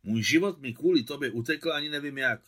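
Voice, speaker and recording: A man's voice: medium pitch, a bit bright, voice pushed up, natural voice. A man reading aloud and voicing a fussy, nagging old village woman. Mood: scolding. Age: older. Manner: scolding, fussy. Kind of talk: audiobook reading.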